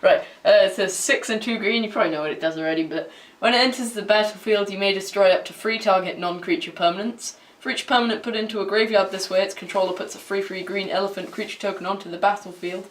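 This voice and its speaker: A woman's voice: medium pitch, quick pace. A woman co-hosting a casual chat, teasing her partner with dry quips. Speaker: co-host.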